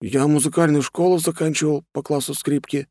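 A man's voice: on the high side, steady tone, a little fast, dark tone, no room sound, clean studio sound, pitched above the performer's own voice, lightly acted. A man doing a whiny, frightened thug. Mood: cowed. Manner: whiny, pleading, stammering. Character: frightened male thug, a former violinist. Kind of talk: audiobook character voice.

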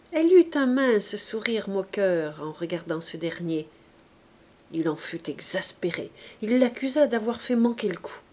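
A woman narrating a classic novel as an audiobook, with measured, even storytelling. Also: lowish voice. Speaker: audiobook reader.

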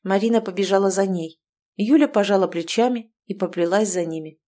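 A female audiobook narrator reads a novel aloud from a script, her mid-range voice keeping an even, measured pace.

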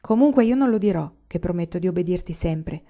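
A woman's voice: on the low side, animated, fairly quick, warm tone, highs cut off. A woman reading the part of a spirited young frontier woman who speaks frankly and firmly. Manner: frank and firm.

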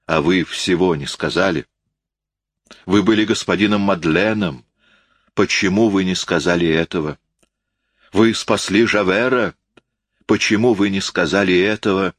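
A man's voice: sits low, measured pace, pauses often, no echo, clean studio sound. A man reading an audiobook, voicing an impassioned, insistent young man who speaks in emphatic exclamations. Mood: indignant.

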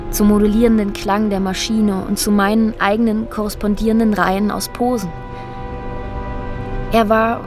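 In a radio drama monologue, an actress plays a woman recounting a strange, disturbing ordeal in a reflective, halting, matter-of-fact way. Her voice is natural and medium-pitched, with music playing underneath.

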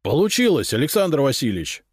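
A man's voice: fairly low pitch, moderate pace, dry recording, clean studio sound, lightly acted. A man voicing a determined, curt male secret-service chief in an audiobook.

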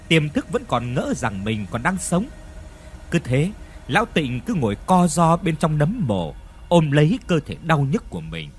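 A man narrating a ghost story in an expressive, dramatic storytelling manner. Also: on the high side, breathy edge.

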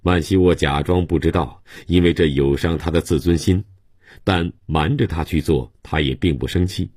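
A man reading a novel aloud in a calm, measured way. His voice sits very low and has a husky grain. The recording is dry and close, with no room sound. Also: no echo. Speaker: audiobook narrator. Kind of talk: literary novel narration.

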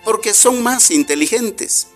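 A man's voice: sits high, animated, unhurried, soft background music, pitched above the performer's own voice. A man voicing a frightened little female bee in a radio story, speaking in a trembling, pleading voice. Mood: timid defiant.

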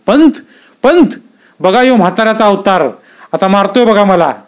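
A man's voice: high-pitched, moderate pace, clear, resonant tone, voice pushed up, natural voice. A man voicing a distraught young village man who has lost his mind, talking in rustic dialect and wailing over a lost bullock. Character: distraught young village man, potter's son, gone mad.

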